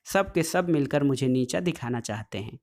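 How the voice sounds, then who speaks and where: A man's voice: mid-range voice, lively intonation, normal speed, close to an everyday voice. Dhaniya, a fiery, defiant village wife, voiced by a man reading a storybook aloud. She scolds and hurls her words in a heated rush, never backing down. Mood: angry defiance. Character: angry village woman, sharp-tongued and defiant.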